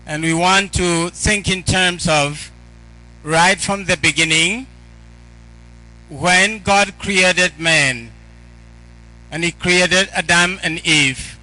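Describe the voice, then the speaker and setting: A man preaching a sermon as a homilist, addressing the congregation in measured, broken phrases. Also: high-pitched, steady tone, pushed and bright, poor audio.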